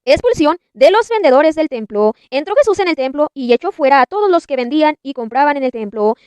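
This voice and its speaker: A woman reading scripture aloud in a measured, deliberate narration. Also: high-pitched, big pitch swings, darkish tone, no room sound. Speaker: Bible narrator.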